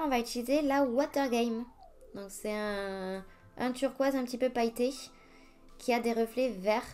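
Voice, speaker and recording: A woman's voice: on the high side, a little mellow. Chatty woman narrating a nail tutorial. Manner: chatty, self-mocking, narrates each step. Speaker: nail artist. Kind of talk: voice-over nail art tutorial. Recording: faint music behind the voice. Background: faint music.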